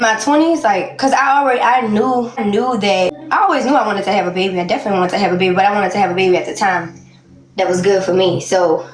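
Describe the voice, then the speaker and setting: A woman in her late twenties speaking bluntly and candidly in a casual interview, laughing often. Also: medium pitch. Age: 20s. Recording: roomy echo.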